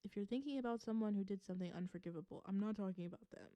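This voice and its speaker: A mid-range, very fast voice belongs to a Southern US tarot reader giving viewers an intuitive reading. She earnestly advises, repeats phrases for emphasis, and laughs softly, all with no echo.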